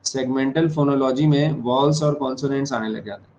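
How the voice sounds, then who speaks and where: A man teaching an exam-prep class in Hindi and English. He dictates key terms slowly, repeats them and keeps checking that the class understands. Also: medium pitch, a little mellow, lo-fi sound, slight background noise. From India. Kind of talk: online exam-prep lecture.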